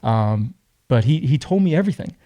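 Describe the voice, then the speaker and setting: Animated man telling a wild story. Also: medium pitch, brisk, no room sound. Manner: animated, acts out other people's lines. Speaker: podcast guest. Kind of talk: casual storytelling.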